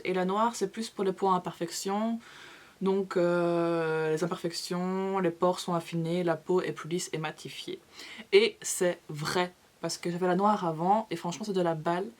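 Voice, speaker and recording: A young woman vlogger in a casual haul video, chatty and gushing, with playful asides to her viewers. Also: mid-range voice. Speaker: beauty vlogger.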